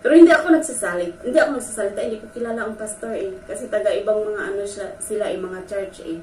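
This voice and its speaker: A woman's voice: mid-range voice, fast talker, a little mellow. A woman vlogger telling a personal story, earnest and emotional, talking straight to her viewers. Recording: echoey room from a distance with faint noise.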